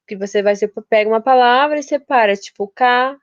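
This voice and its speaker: A woman's voice: a little high, quick pace, no room sound. A young woman from Brazil teaching a casual literature lesson, chatty and informal, often restarting her words. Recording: dull, lo-fi and dry.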